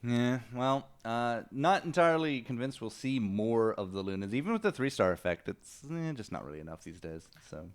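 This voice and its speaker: A young man casting a live esports match, excitable and quick to laugh, chatting with viewers between plays. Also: mid-range voice, clean tone. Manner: excitable, laughing, talks to chat. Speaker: esports caster. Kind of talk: live game commentary.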